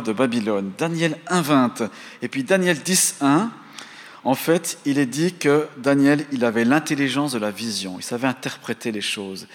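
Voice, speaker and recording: A man preaching a sermon, reading out verse references and calling on the congregation to pray aloud. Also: mid-range voice. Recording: long hall reverb.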